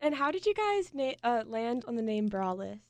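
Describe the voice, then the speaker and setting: A woman's voice: on the high side, very animated, moderate pace, crowd noise. A young woman hosting a college radio interview, asking friendly, upbeat questions.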